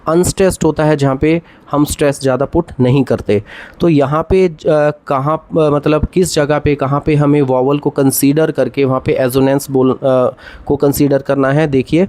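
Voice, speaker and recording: A man teaching English literature, explaining poetic devices step by step, reading poem lines aloud slowly and often checking that students follow. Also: mid-range voice, darkish tone. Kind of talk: classroom lecture on poetic devices.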